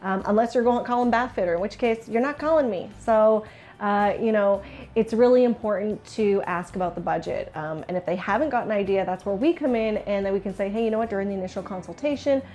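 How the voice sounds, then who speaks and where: A woman with a Canadian accent and a mellow, medium-pitched voice speaks fairly quickly in an informal instructional video to camera. As a business coach for interior designers, she offers chatty, candid advice to viewers and acts out client remarks.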